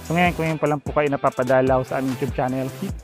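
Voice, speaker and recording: With soft music behind him, a man speaks fast in a steady, medium-pitched voice. He's a real estate agent and channel host from the Philippines, in his thirties, touring a sunny outdoor construction site on foot with a clip-on lapel mic while keeping up an upbeat, filler-filled sales patter.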